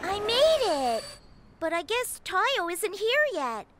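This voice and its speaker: A woman's voice: extremely high pitch, big pitch swings, slow pace, background noise, exaggerated voice. A woman voicing a cheerful, eager young boy train in a children's cartoon, bubbly and full of exclamations, with music behind. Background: loud children's music.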